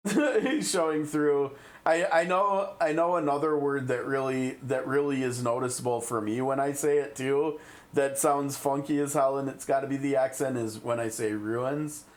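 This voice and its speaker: A man's voice: medium pitch, steady tone, normal speed. A man with a Midwestern American accent, chatting casually on a live game stream and thinking aloud as he reads. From Midwestern United States.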